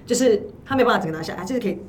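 Woman podcast co-host with Taiwanese Mandarin accent, very fast and animated, casual chat. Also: mid-range voice, distant mic, a little hiss or hum. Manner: animated storyteller, quick and chatty.

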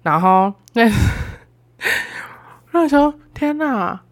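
A woman's voice: fairly high pitch, expressive, very slow. A woman in her twenties with a Taiwanese Mandarin accent, hosting a podcast and telling stories in a casual, exclamatory, self-mocking way. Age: 20s. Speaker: podcast host. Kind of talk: casual solo storytelling.

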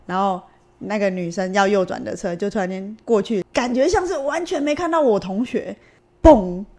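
A young woman with a Taiwanese Mandarin accent, co-hosting a casual podcast and telling a story in an animated way, acting out the dialogue. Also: mid-range voice, moderate pace. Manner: animated, acts out quoted dialogue. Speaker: podcast co-host.

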